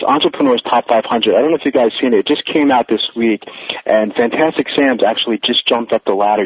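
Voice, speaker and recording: A man in his forties hosting a radio interview show, upbeat and energetic, often laughing. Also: medium pitch, slightly rough. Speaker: radio talk show host. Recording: phone-like, narrow radio line.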